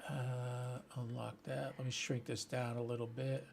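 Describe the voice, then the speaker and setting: The host of a ham radio channel does a casual live demonstration at his computer, chatting to viewers and thinking aloud. His mid-range voice is flat and a little slow, with vocal fry, and there's a slight hiss or hum.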